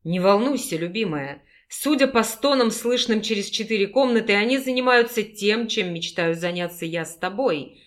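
A woman reading an audiobook and voicing a gruff, possessive male wolf-pack leader with a low growling manner. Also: lively intonation, normal speed, lightly acted. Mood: hungry, teasing.

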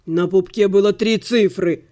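A grumpy young male necromancer in a homemade storybook reading, voiced by a woman narrator. His lines come out gruff, terse and sulky, pitched well below her own voice. The tone stays mellow and soft-edged. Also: fairly even intonation, measured pace, natural voice. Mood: grumbling. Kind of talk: audiobook character voice.

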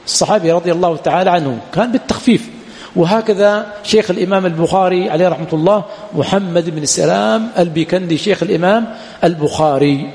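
A man teaching a classroom lecture on hadith sciences, repeatedly pausing to quiz his students on the next word. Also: high voice, darkish tone, in a large hall. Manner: quizzes students with repeated "what?" prompts. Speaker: Islamic studies teacher. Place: lecture hall at a study center.

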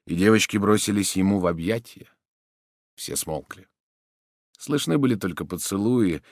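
A man reading a classic novel aloud as an audiobook narrator, measured and dramatic. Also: fairly low pitch, no echo, clean studio sound. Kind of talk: scripted literary narration.

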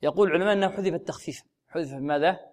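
Man, Quran recitation teacher, fairly high voice, asks and answers his own questions, recites words slowly. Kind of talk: tajweed lesson with recitation.

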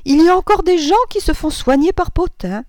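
A woman voicing a bossy, sharp-tongued society hostess with shrill exclamations. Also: a little fast, no echo, clean studio sound. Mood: mocking.

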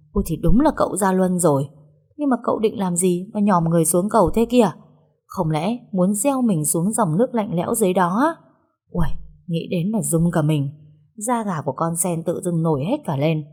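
Casting: woman narrator, animated storybook reading. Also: fairly low pitch, husky. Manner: lively, expressive reading. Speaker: audiobook narrator.

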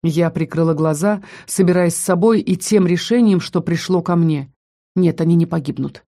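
A woman with a lowish voice reads a fantasy audiobook expressively and dramatically, slowing down for the tense lines.

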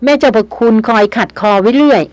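A woman's voice: on the high side, fast talker, darkish tone, dry recording, lightly acted. A woman reading the lines of a playful young male nobleman who teases his companions. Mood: teasing. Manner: playful, teasing.

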